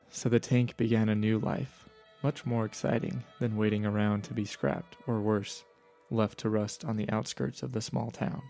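A man hosting a travel show, reading scripted narration in a measured, storytelling way. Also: lowish voice, creaky, mellow.

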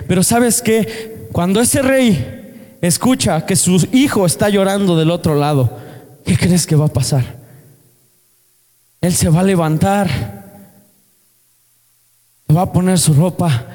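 A man's voice: sits high, warm tone. A man with a Mexican accent preaching a sermon, earnestly asking the congregation questions. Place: church hall. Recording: long hall reverb.

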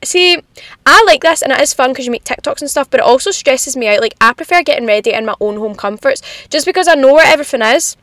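A young woman talks in a fairly high voice, close and dry. She hosts a casual, confiding solo podcast full of animated slang and self-deprecating humour. She sits in a parked car with rain on the roof. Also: fast talker, no echo. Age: young adult. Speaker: podcast host.

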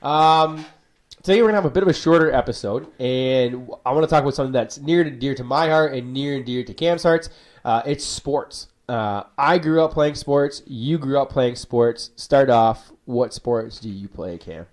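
A man's voice: medium pitch, normal speed. A young man co-hosting a church podcast in casual chat, upbeat and slangy. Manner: slangy and upbeat, says bro and wicked.

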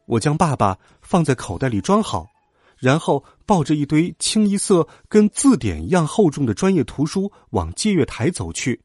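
A man narrating a children's story in the first person, lively and dramatic. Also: fairly high pitch, moderate pace, slightly rough, no room sound, clean studio sound. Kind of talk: storybook reading.

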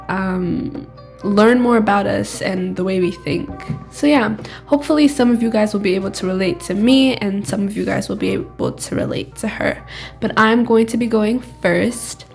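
A teenage girl co-hosts a podcast in a casual solo chat, rambling candidly and often laughing at herself. Her voice is mid-range with a darkish tone.

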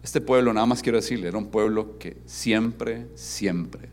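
Animated male pastor preaching. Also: lowish voice, normal speed. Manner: interactive, asks the congregation questions; animated preaching, dropping to soft emphatic tones. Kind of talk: sermon. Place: church service with congregation.

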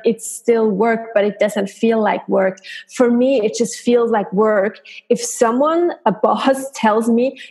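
A woman's voice: mid-range voice, vocal fry, a little mellow. A woman speaking as an interview guest, explaining her freelance work in a casual, conversational way. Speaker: interview guest, freelance social media marketer.

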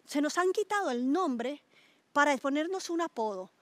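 A woman's voice: sits high, normal speed, no room sound. A middle-aged woman pastor from Colombia, preaching in a conversational way and asking her listeners questions. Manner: animated, asks listeners questions, stretches words for emphasis. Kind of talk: conversational sermon to a small group.

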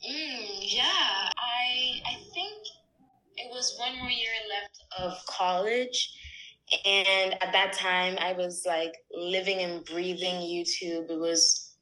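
A woman in her twenties from Ghana, a podcast guest talking in a relaxed, easygoing way. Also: medium pitch, takes it slowly, rough recording. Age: 20s. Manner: relaxed, easygoing, with fillers and laughs. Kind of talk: casual interview talk.

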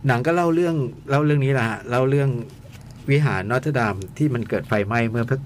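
A man in a relaxed film review chat, rambling as he retells a story and often restarts his sentences. His voice sits at an ordinary middle pitch, and a faint hum runs under it. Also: fast talker. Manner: rambling retelling with many restarts and repeated words.

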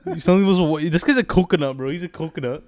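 A man's voice: fairly high pitch, animated, fast talker, a little mellow, no room sound, studio quality. A man in his twenties co-hosting a podcast, bantering casually like a frat bro with slang and swearing. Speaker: podcast co-host.

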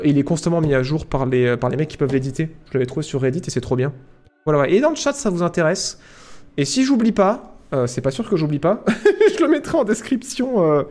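A man's voice: medium pitch, darkish tone. A man chatting casually with his livestream audience, playful and talkative, tossing in little sound effects as he goes. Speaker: livestreamer answering chat.

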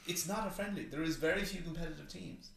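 Male podcast co-host, casual talker with a crisp bright tone and strong room echo. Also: a little high, quick pace. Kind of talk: casual banter. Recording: echoey room.

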